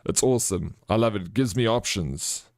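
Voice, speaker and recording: Talking fairly quickly at a fairly low pitch, this South African-accented man hosts a livestream, responding to viewers casually and addressing them as bro and friend. His manner is chummy and informal throughout. The recording is studio quality, with no room sound.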